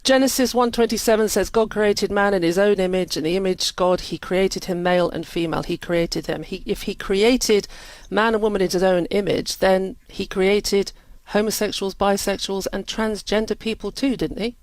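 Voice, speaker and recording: A woman's voice: medium pitch, fairly even intonation, moderate pace, no room sound. Probing woman interviewer, close dry sound. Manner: probing, persistent. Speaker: news interviewer. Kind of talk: challenging news interview.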